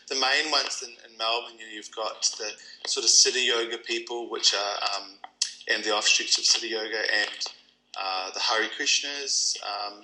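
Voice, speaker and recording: A kirtan teacher from New Zealand answers interview questions thoughtfully in his native accent, full of ums and restarts. His voice is mid-range with a sharp tone, and the recording is rough.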